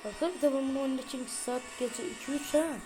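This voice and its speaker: A woman, commentating a horror game as she plays, muttering to herself with sudden loud outbursts. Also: high voice, quick pace, music in the background. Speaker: gaming streamer. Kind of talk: let's play commentary.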